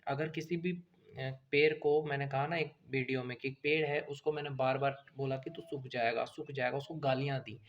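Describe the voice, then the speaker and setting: A man's voice: medium pitch, flat delivery, moderate pace, muffled recording. A man giving earnest, preachy advice in a monologue and repeating phrases for emphasis. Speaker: motivational video speaker.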